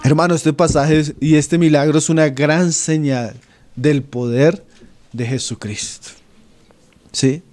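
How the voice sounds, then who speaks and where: High-voiced Colombian preacher asking his flock. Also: fairly even intonation, slow pace. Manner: keeps asking the flock "¿sí?" and "¿no?", calls them "hermano"; swings between loud quoting and low, trailing phrase ends. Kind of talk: expository Bible sermon.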